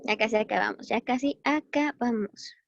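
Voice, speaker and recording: A woman's voice: fairly high pitch, moderate pace, creaky, dull audio, slight background noise. A woman teaching a recorded medical lecture in a chatty, encouraging way, often correcting herself as she goes.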